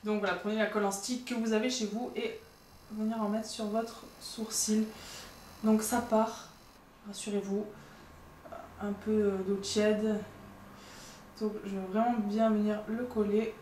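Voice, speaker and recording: A woman's voice: mid-range voice, flat delivery, unhurried, long pauses, darkish tone. A young woman narrating a casual makeup tutorial as a vlogger, chatty and joking at her own expense. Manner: chatty, with frequent "donc" and light self-mocking asides. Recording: roomy sound with faint background noise.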